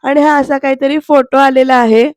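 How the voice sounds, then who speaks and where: Woman, voice-over review narration, retells scenes and acts out dialogue, high voice, narrow pitch, dry close sound. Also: steady tone, normal speed, a little mellow, no room sound. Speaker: serial reviewer.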